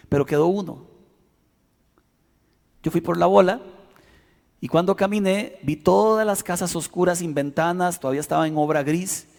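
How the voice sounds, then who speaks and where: A man's voice: sits high, creaky. A man preaching a sermon, telling a personal story and acting out cries and quotes with dramatic swings. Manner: dramatic, acts out shouts and quotes. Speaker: pastor. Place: church hall. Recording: long hall reverb.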